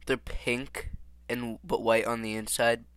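Bright-voiced young man hosting by headset. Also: medium pitch, flat delivery, a little slow, smooth, dry recording. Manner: playful, teasing, prompting his friend. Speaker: podcast host. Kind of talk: casual chat on a call.

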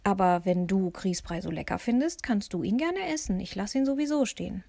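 Woman reader voicing a spirited old lady, blunt, matter-of-fact, sharp-tongued, audiobook, dry sound. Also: mid-range voice, lively intonation, brisk, gravelly, no room sound. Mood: frank. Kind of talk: audiobook reading.

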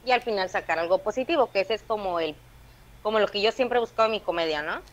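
A woman's voice: medium pitch, quick pace. Intense Mexican woman comedian, Veracruz accent. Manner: lively, intense storytelling with quoted asides. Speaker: stand-up comedian. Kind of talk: casual interview chat.

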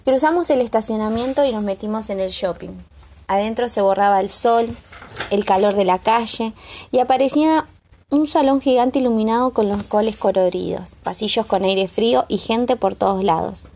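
A woman's voice: fairly high pitch, moderate pace, mellow. Woman narrating with a Rioplatense Spanish accent. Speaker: audiobook narrator. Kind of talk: scripted narration.

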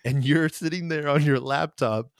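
A man's voice: a little high, normal speed, gravelly, clear, resonant tone, dry recording, clean studio sound. A young man co-hosting a podcast, telling a long story in casual chat, rambling and laughing as he goes. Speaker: podcast co-host, band member.

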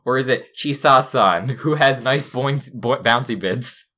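A man's voice: medium pitch, measured pace, sharp tone. A young man co-hosting a casual comedic chat, playful and mock-serious, often laughing. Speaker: podcast co-host.

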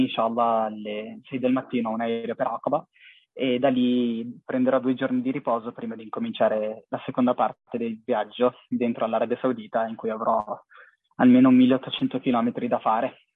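A young man giving an earnest, halting, reflective personal account as an interview guest. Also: medium pitch, flat delivery, no echo. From half Syrian family. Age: young adult. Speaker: interviewee, charity cycling traveller. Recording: thin phone-like call audio, husky dry sound.

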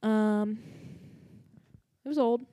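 A woman's voice: a little high, very slow, warm tone, smooth, no echo, studio quality. Woman with a slight lisp telling a story. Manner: rambling with many fillers and asides. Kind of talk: casual storytelling.

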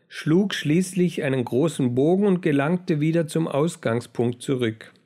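Slow, measured male storybook narrator. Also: mid-range voice, darkish tone. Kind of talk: audiobook narration.

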